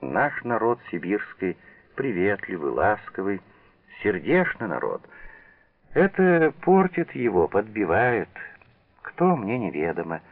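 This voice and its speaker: A plain-spoken village widow, kind and weary, who speaks her mind to rough men, as a man puts her on with a voice lifted above his own gravelly low tone. It comes over a tinny old radio broadcast with a narrow, phone-like sound. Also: big pitch swings, slow, no echo, heavily acted. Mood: sad, warm.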